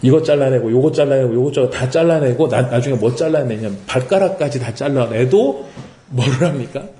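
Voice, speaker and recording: A man's voice: medium pitch, brisk, mellow, roomy sound. A man preaching a sermon as pastor, asking rhetorical questions and acting out quotes. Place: worship service room.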